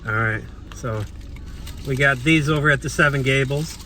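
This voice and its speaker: A man's voice: medium pitch, moderate pace, bright, forceful tone. A man chatting casually as a travel vlogger, rambling with many fillers and restarts. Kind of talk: casual vlog chat. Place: outdoors on town streets. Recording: outdoor street noise with passing cars.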